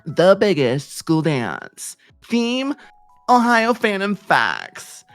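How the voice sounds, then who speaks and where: Male streamer, comedic fanfic read, wildly swinging pitch, unhurried delivery. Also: no echo, faint music behind. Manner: animated, playful storytelling with sudden shouts. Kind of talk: comedic fan fiction reading.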